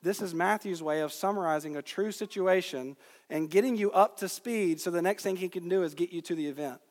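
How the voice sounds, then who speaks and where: Speaking to a congregation in a big, reverberant hall, a Georgia man with a high voice delivers an expository sermon. He teaches carefully, stressing important words, and the sound trails off in a long echo.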